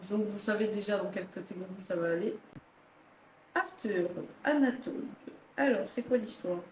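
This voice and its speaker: Young woman, casual book vlogger, lively opinions, echoey room recording. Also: medium pitch, moderate pace, slight background noise. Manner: chatty, dramatic reactions, reads blurbs aloud. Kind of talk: casual book ranking chat. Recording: echoey room, faint ambience.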